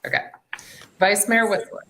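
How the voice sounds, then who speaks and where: A woman's voice: normal speed, a bit bright. A woman mayor chairing a council meeting, procedural and a little hesitant.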